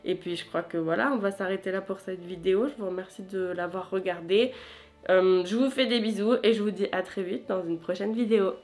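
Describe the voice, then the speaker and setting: Une femme qui présente un vlog littéraire sur un ton de conversation détendue, bavarde et ponctuée d'hésitations. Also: female voice, medium pitch, brisk, music in the background. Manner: chatty, many hesitations. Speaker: book vlogger. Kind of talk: casual vlog chat.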